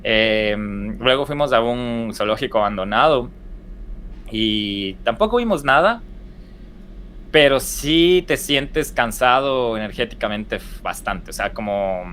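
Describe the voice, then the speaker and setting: Slow-paced but lively in intonation, the young man speaks at medium pitch with a fairly bright tone against slight background noise. He tells casual stories as a podcast guest in an Ecuadorian Spanish accent, wandering through fillers and restarts.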